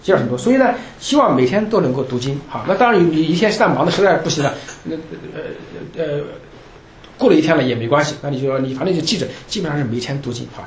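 Brief: fast, jokey Bible class leader, lively delivery, echoey room. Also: mid-range voice, a little hiss or hum. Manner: chatty, joking, laughs often, many restarts. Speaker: Bible study teacher. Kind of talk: informal Bible class talk. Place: church meeting room with a group. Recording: roomy room echo.

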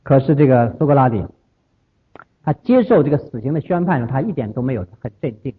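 A man's voice: medium pitch, sing-song, fairly quick. A man giving a storytelling lecture, repeating phrases emphatically as he retells the story. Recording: husky lo-fi phone-like audio.

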